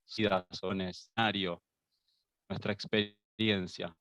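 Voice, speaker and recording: A man presents a workshop for teachers over a video call from his phone. He speaks haltingly, repeats words and uses fillers, and the call audio keeps cutting out and stuttering. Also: lowish voice, level tone, bright, forceful tone, dry recording. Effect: choppy call audio that cuts out and stutters. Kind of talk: talk on an online video call. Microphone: phone on mobile data. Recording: dull lo-fi call audio with dropouts.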